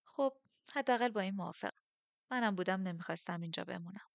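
A woman's voice: medium pitch, vocal fry, no echo, natural voice. A woman voicing a breezy young woman who talks in an offhand, blunt way.

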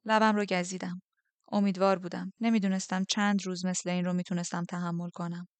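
Low-pitched woman narrator, steady subdued reading; dry, close. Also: no room sound. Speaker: audiobook narrator. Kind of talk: scripted first-person narration.

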